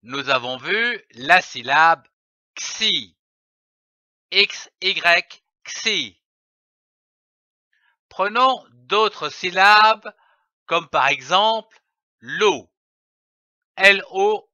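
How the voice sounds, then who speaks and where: A man teaching reading in a slow lesson, spelling out letters and repeating each syllable carefully. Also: high-pitched, animated, sharp tone, dry recording, dull audio.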